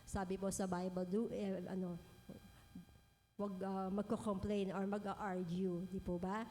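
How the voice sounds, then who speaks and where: A middle-aged woman preaching a sermon in a gentle manner, often adding "no po?" as she speaks. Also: medium pitch, level tone, a little slow, slight background noise. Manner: gentle, frequent "no po" tag questions, mixes English phrases. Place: church hall. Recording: long hall reverb.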